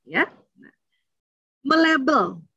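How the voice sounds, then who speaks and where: A woman gives a chatty parenting talk, speaking straight to the mothers listening. Her voice sits fairly high and sounds dry and close. The online recording is dull and lo-fi. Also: very animated, extremely slow, gravelly, pushed and bright, no room sound. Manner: chatty, addresses mothers directly, acts out parent and child quotes.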